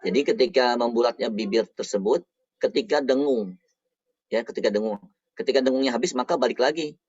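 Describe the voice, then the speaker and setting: A man teaching the rules of Quran recitation in a patient, explanatory manner, repeating each point slowly. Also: medium pitch, a little mellow, slightly rough, no room sound. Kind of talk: explanatory lesson. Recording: dull, dry lo-fi recording.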